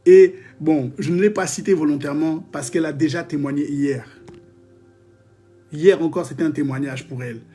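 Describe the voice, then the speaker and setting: A man leading a live-streamed prayer session, reading testimonies and preaching in a lively, exclamatory way, often joking with his viewers. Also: a little high, normal speed. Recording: faint music behind.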